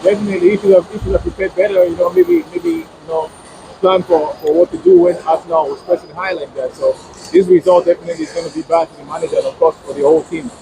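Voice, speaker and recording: A man speaks fast with a creaky edge as a visiting football fan being interviewed. He repeats words to stress them. There is clear street noise around him. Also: a little high. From Nigeria. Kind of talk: casual post-match fan interview. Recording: noisy outdoor setting with traffic.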